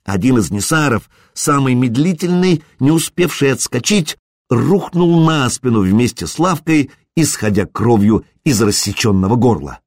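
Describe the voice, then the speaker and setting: Husky guy reading an audiobook, low voice, dry close mic. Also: lively intonation, moderate pace, a little mellow, no room sound. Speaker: narrator. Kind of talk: audiobook narration.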